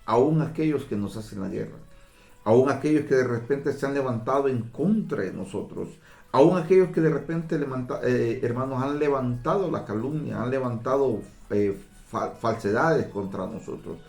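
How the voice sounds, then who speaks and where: A man delivers a fervent sermon, repeating and stacking his phrases as he calls out to his brothers. His voice sits at an ordinary pitch. The room around him rings with echo. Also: moderate pace, creaky, a little mellow. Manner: fervent, repetitive, addresses listeners as brothers. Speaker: preacher.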